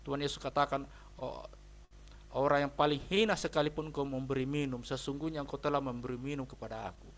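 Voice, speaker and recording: A man's voice: mid-range voice, steady tone, a little fast. A man preaching a sermon as a pastor, telling a personal story with emphatic delivery and often addressing his listeners directly. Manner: emphatic, repeatedly addresses listeners as brothers and sisters.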